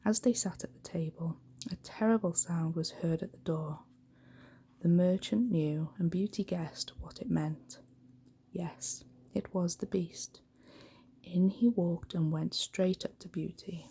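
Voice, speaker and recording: A woman reads a bedtime story in a soft, breathy ASMR voice that often nears a whisper. Her pace is gentle and unhurried, and her voice sits on the lower side.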